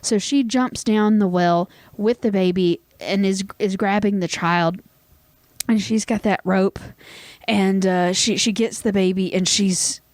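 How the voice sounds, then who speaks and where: A woman's voice: medium pitch, fairly even intonation, measured pace, darkish tone, no echo. A young adult woman co-hosts a casual podcast and tells a story in chatty bursts, scattered with "like" and blunt swearing. Her voice sits in a mid register. The recording sounds dry and close, with no room sound. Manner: swearing, filler-heavy, laughs often. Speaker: podcast co-host.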